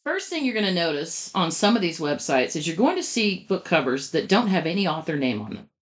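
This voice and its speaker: A woman giving step-by-step advice in a conversational interview, talking quickly and in detail. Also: fairly low pitch, big pitch swings. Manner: brisk, explains step by step, talks fast. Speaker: guest expert on publishing scams.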